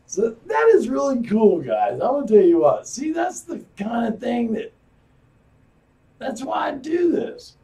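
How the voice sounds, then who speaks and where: Gravelly, tipsy man rambling on a podcast. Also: high-pitched. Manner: profane, meandering, loud outbursts. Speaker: podcast host. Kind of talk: rambling solo podcast talk. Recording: voice a bit far from the mic.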